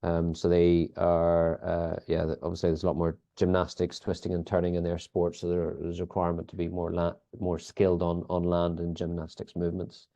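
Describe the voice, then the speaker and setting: This Northern Irish man, a guest who heads sports biomechanics, has a deep, mellow, monotone delivery, measured and peppered with "um"s. Thoughtful in manner, he keeps restarting and filling pauses as he answers interview questions conversationally, captured on dull lo-fi audio.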